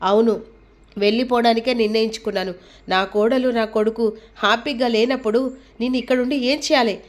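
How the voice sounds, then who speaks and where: A woman's voice: fairly high pitch, steady tone, fairly quick, natural voice. A woman reading the lines of a stubborn older man who is threatening to leave home, in an indignant, complaining tone.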